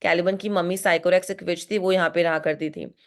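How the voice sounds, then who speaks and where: An Indian woman teaching literature, mixing Hindi and English as she goes through a play line by line and slowing to read the quoted lines aloud. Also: on the low side, fairly even intonation. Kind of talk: line-by-line text explanation.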